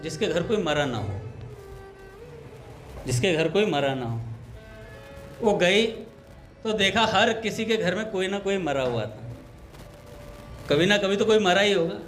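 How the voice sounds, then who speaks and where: High-voiced man telling devotional stories. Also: a little slow, long pauses, soft background music. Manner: acts out dialogue in anecdotes, relaxed conversational tone. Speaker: satsang speaker. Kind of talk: devotional storytelling talk.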